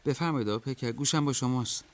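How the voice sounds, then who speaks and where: A composed young foreman in a radio play answers his boss steadily and respectfully, as an actor plays him. His voice sits at an ordinary pitch. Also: slight background noise, natural voice. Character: calm, clever teenage male factory foreman. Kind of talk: radio drama acting.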